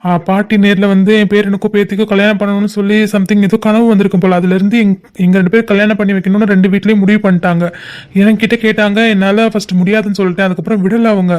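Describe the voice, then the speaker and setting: Someone doing a worried young guy friend in a cartoon, pushy and urgent, mellow tone. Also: medium pitch, flat delivery, very fast, natural voice. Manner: urgent, pressing. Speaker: cartoon character.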